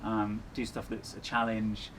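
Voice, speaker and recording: A man with a fairly low voice talks casually as a guest in an interview. His way of speaking is earnest and reflective. Clear ambient noise sits behind his voice. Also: completely flat delivery, a little slow. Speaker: endurance runner, interview guest. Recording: clearly noisy ambient background.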